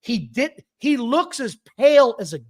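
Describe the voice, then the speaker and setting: A man co-hosting a podcast, talking in an animated, opinionated way in casual chat. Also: very high voice, a little slow. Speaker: podcast co-host.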